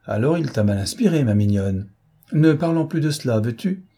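A man reading a storybook, voicing a vain, languid young rich woman in an affected, weary, condescending manner with a husky voice. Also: mid-range voice, expressive, moderate pace, warm tone.

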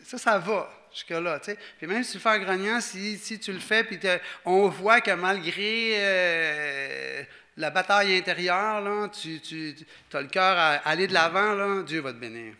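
A man with a Quebec French accent preaching a conversational, animated sermon and acting out the people he quotes. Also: high voice, normal speed. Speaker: pastor.

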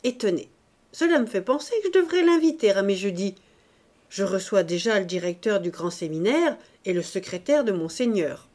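A woman's voice: mid-range voice, animated, moderate pace, a little mellow, natural voice. A woman voicing a scheming older society lady who speaks in an affected, exclamatory, falsely sweet way. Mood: feigning surprise.

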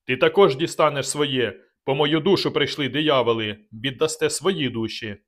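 A man's voice: mid-range voice, moderate pace, close to an everyday voice. A man voicing a furious, stout male nobleman who bellows curses while cornered, in an audiobook. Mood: raging. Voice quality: roaring, bellowing.

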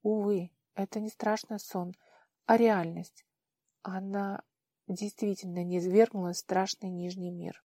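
A woman narrating an audiobook in an expressive, measured manner. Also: medium pitch, no echo, studio quality. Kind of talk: scripted narration.

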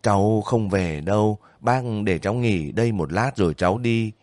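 A man's voice: lowish voice, moderate pace, a little mellow, no room sound, clean studio sound, lightly acted. A man voicing a young soldier on leave who pleads and questions anxiously in a spoken story. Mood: faint. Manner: anxious, breaking voice.

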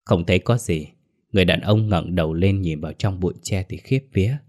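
A man tells a village ghost story in a deep, low voice. His carries a steady, dramatic delivery. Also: brisk.

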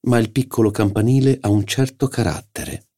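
A man's voice: on the low side, steady tone, moderate pace, warm tone, pitched above the performer's own voice, close to an everyday voice. A man voicing a haughty, condescending older society hostess in an audiobook. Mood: affected. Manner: condescending, affected.

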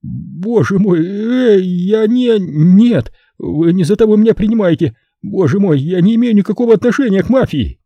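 A man voicing a terrified, begging pimp and bar owner in a high, panicky voice. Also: lively intonation, moderate pace, few pauses, no room sound, dull audio. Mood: panicked pleading.

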